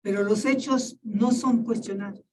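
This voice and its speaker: A woman's voice: medium pitch, steady tone, moderate pace, a little mellow. An older woman speaking in a seminar, giving a thoughtful talk and often repeating words while she searches for them. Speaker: invited lecturer. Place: seminar room. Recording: distant mic with faint noise.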